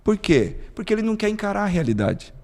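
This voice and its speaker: A man's voice: high voice, very animated, fast talker, a little mellow, big-room sound. A man hosting a parenting podcast, speaking emphatically with frequent rhetorical questions. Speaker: psychoanalyst host. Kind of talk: podcast discussion.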